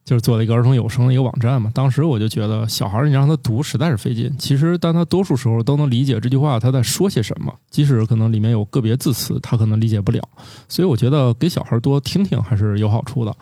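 A man's voice: mid-range voice, very fast, dry recording, clean studio sound. Joking man co-hosting a science podcast. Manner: relaxed, joking, opinionated. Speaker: podcast co-host. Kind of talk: casual science chat.

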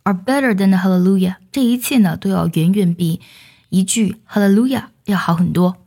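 A woman's voice: medium pitch, gravelly, mellow. Woman teaching song pronunciation. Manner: explains lyrics patiently with filler "呢", sings lines slowly to demonstrate. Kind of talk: song lyric lesson.

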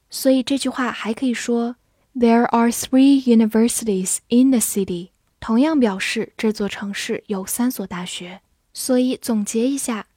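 A woman's voice: a little high, a little mellow, dry recording, studio quality. Patient young woman teaching English words. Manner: clear, patient explanation, slowing down to spell and drill words. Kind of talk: vocabulary lesson in Chinese with English examples.

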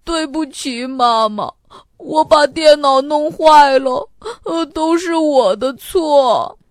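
A woman reading a storybook aloud and voicing an anxious young boy who pleads and hesitates with drawn-out fillers. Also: mid-range voice, lively intonation, no echo, clean studio sound. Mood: worried. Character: young schoolboy, anxious and sheepish.

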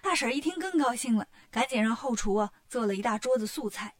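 A woman narrating a children's story with lively, chatty warmth in her delivery. Her voice sits fairly high, and she moves the tale along with an easy, colloquial manner. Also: quick pace.

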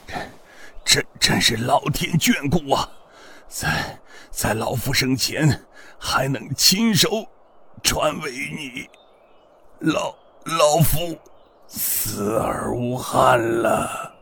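A man voicing a dying old sect master over 60 who speaks haltingly, stammering between weak breaths. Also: mid-range voice, animated, gravelly, sharp tone, breathy edge, full character voice. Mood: faltering. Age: older. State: weak and fading.

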